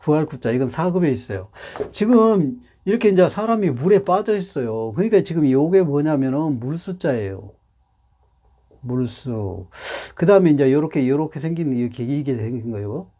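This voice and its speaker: A man's voice: on the high side, animated, moderate pace, mellow. A man giving a character lesson, explaining patiently and repeating himself often. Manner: explains patiently with many repetitions. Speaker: Hanja teacher. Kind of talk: lively lecture explaining Chinese characters.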